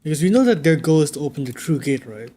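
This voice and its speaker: A man livestreaming a game, talking casually and thinking out loud in a conversational way. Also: on the high side, big pitch swings, quick pace. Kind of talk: casual livestream chat while playing a game. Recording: game music behind the voice. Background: video game music.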